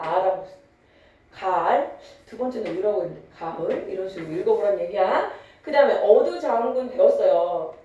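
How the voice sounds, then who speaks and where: A woman's voice: on the high side, dark tone, heavy reverb, distant mic, dull audio. A young woman teaching a literature lecture, chatty and teasing, mixing casual and polite speech. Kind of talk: online lecture.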